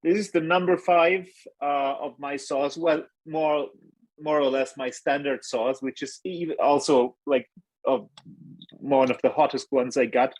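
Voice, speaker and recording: A man, a hot sauce maker and guest, talking hesitantly with many pauses. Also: a little high, steady tone, no room sound, low-quality recording. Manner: hesitant, many ums, modest. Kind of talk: casual chat.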